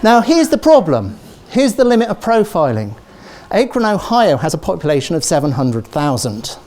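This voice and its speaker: A middle-aged British man, from Britain, lectures at university with plenty of energy, leaning on "okay?" and "yeah?" to check the room. His voice is on the high side and his pace moderate. He speaks British English into a lapel mic in a large lecture theatre.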